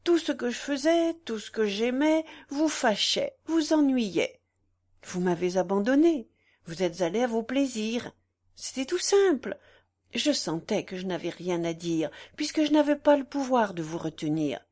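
An earnest young wife in an audiobook, read by a woman, fairly high-voiced and lively in melody. She pleads and defends herself with wounded sincerity. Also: unhurried.

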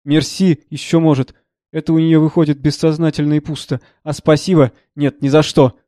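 A man reading the part of a troubled, gentle elderly professor who speaks earnestly and with agitation. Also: on the high side, level tone, moderate pace, no room sound, studio quality, natural voice.

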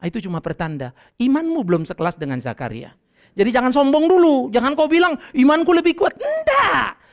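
A middle-aged man preaching a sermon as pastor, lively and conversational, acting out quoted dialogue and laughing with his listeners. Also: extremely high pitch, fast. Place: church.

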